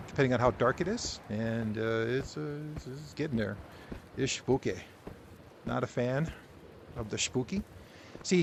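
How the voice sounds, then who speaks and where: A man who makes VR game videos gives casual, rambling gameplay commentary, joking and poking fun at himself. His voice is medium-pitched and creaky, and the recording is noisy.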